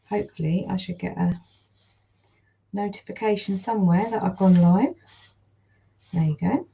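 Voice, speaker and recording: A woman with a Geordie accent, slightly croaky, chatting in a rambling casual way while she irons during a livestream at home, greeting viewers by name. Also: medium pitch, darkish tone, lo-fi sound. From North East England. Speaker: livestream host and online seller.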